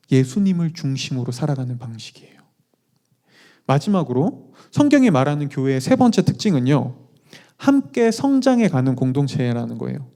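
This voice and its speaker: A male pastor preaching a conversational sermon, animated, putting questions to the congregation with self-deprecating asides. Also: mid-range voice.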